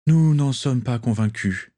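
A man voicing an eager, excitable young aristocratic wizard who speaks earnestly. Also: medium pitch, unhurried, voice pushed up, lightly acted. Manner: animated, earnest.

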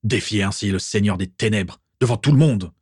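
A man voicing a gruff older father who grumbles and muses aloud in a storybook reading. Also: on the low side, normal speed, a little mellow, dry recording, studio quality. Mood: disapproving.

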